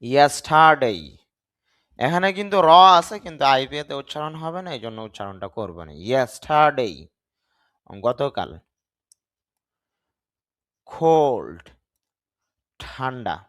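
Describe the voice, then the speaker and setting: A man whose first language is Bengali, teaching an English lesson and slowly spelling out words and sounds. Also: medium pitch, big pitch swings, fairly bright tone. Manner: spells out letters and drawn-out pronunciations, stressing syllables.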